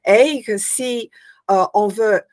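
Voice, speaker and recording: In explanatory interview answers, an older hypnosis instructor from Australia goes through her teaching plans in order, speaking slowly in a medium-pitched, darkish voice. She is thoughtful, frequently stopping to find her words before continuing.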